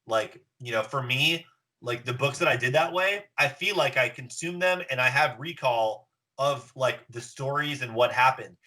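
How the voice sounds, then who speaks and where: Bright-voiced man in casual, blunt chat. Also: medium pitch, normal speed, rough recording. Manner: blunt, sweary, slangy.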